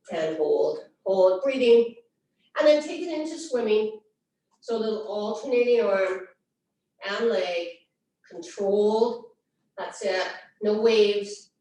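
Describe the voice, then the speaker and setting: A woman instructor talks a class through a Pilates floor routine, easygoing and encouraging as she counts out each rep. Her voice sits at an ordinary pitch but comes from some distance away, in a strongly echoing room at home. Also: a little mellow. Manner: encouraging, casual, counts reps aloud. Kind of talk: guided workout instruction. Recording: echoey room, voice from far off.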